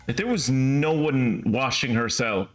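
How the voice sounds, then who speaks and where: A man's voice: medium pitch, unhurried, soft background music. A man giving casual live commentary as he streams a game.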